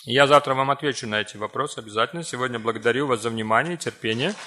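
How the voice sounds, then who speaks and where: A man's voice: mid-range voice, rapid-fire, pushed and bright. A man in his forties giving a live seminar talk, answering notes from the audience in a teasing, ironic, conversational way. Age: 40s.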